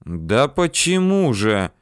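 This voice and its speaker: A man voicing a steady male surveyor who speaks slowly and calmly under threat. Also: medium pitch, clear, resonant tone, dry recording, clean studio sound, voice pushed up. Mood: coaxing. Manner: slow, coaxing, calm.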